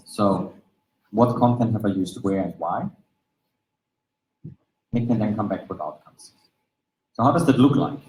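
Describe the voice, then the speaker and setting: A man from Austria presents at a conference venue in an explanatory way, his Austrian German accent reflecting his native German, and he often says "basically" and "right?". His mid-range voice has a darkish tone. The sound is roomy and the audio quality poor.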